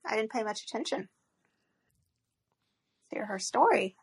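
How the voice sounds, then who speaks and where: A woman's voice: a little high, sing-song, a little slow, gravelly, breathy edge, no room sound. A woman, a pageant contestant, chatting casually in an easygoing way with lots of fillers. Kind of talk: casual chat.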